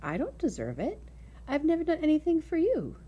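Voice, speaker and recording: An earnest young boy pig from a storybook, acted out by a woman reader, pitched high and swinging widely. He is devoted and emotional, speaking with pleading urgency. A faint background noise sits under the voice. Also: huge pitch swings, fairly quick, dark tone, dull audio. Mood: moved.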